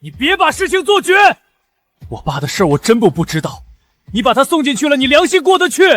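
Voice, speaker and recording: An actor playing an arrogant, volatile cheating husband who talks angrily and with scorn. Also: male voice, on the high side, animated, rapid-fire, a little mellow, slightly rough. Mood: angry. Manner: angry, scornful.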